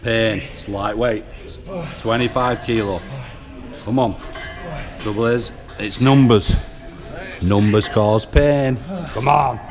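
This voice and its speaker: A man's voice: on the low side, fairly even intonation, slow, pauses often. A man with a northern English accent coaching in a large gym, barking short commands and counting reps. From England. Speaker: gym coach filming a workout. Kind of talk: coaching during a workout. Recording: music playing over the gym.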